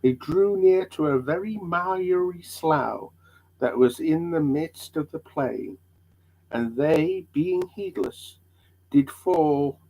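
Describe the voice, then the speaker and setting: A man narrating an old allegory as a dramatic storybook reading, halting now and then over the words. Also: fairly high pitch, mellow, rough recording.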